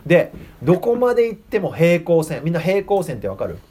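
A man's voice: on the high side, very animated, a little fast, dark tone, a little hiss or hum. A man giving a casual sermon to children, chatting and asking them questions. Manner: chatty, asks the audience questions. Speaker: preacher teaching children.

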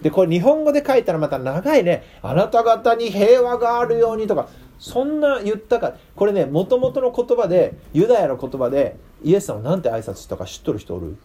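A pastor with a Kitakyushu accent gives a children's sermon in a high, mellow voice. His pitch swings widely as he plays with the story. He keeps pulling the listeners in with questions. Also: big pitch swings, fairly quick, breathy edge. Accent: Kitakyushu Japanese. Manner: playful, asks the listeners questions.

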